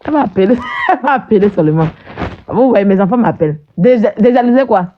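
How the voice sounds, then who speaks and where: A woman's voice: medium pitch, animated, brisk, muffled recording. A woman hosting a live stream, ranting at her viewers in a combative, mocking way and often asking "hein?".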